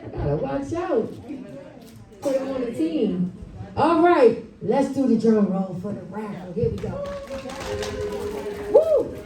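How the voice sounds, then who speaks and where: With crowd sounds behind her, a fairly high-voiced, very animated woman talks slowly and pauses often as she encourages the children and families in front of her. She teaches school and writes children's books, and this live library talk is captured on a distant mic in an echoey, roomy space.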